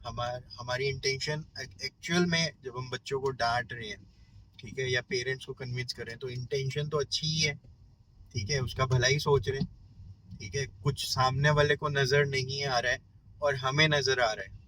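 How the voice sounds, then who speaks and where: A man coaching listeners in a casual self-help lesson, explaining with everyday examples and often pausing to check in. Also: medium pitch, fairly even intonation, bright, forceful tone, slight background noise, poor audio.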